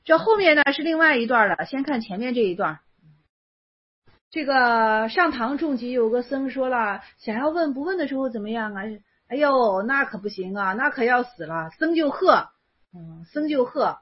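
Husky-voiced woman explaining a text. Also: a little high, lively intonation, normal speed, highs cut off. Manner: conversational, repeats phrases to explain. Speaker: teacher explaining Zen koans. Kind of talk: reading aloud and explaining a text.

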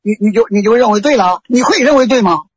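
A man's voice: sits high, expressive, fast talker, slightly rough, muffled recording. A man acting as a Buddhist teacher, answering with pressing rhetorical questions in casual talk. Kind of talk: casual discussion.

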